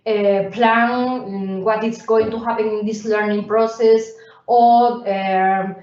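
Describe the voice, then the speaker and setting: Female presenter, slightly high voice, hesitant delivery full of fillers, caught from a distance on a dull recording. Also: steady tone, darkish tone. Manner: halting, with many fillers and restarts. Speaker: presenter at a research workshop. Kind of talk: academic conference presentation. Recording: roomy, distant, dull sound.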